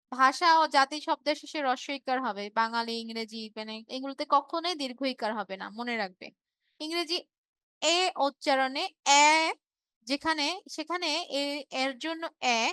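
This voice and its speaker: A woman's voice: high-pitched, bright, forceful tone, no echo. A woman teacher from Bangladesh giving an online revision class, explaining patiently, repeating key words and checking in with her students.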